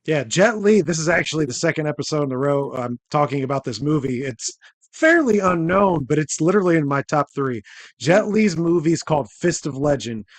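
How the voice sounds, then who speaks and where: A man's voice: fairly high pitch, big pitch swings, a little fast, no echo. A young adult man hosting a podcast interview, chatting as an enthusiastic fan. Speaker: podcast host. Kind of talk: casual interview chat.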